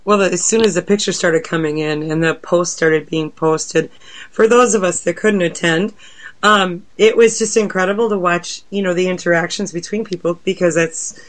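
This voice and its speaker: A woman interviewing a guest in casual, enthusiastic chat, relaxed and using fillers. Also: lowish voice, normal speed.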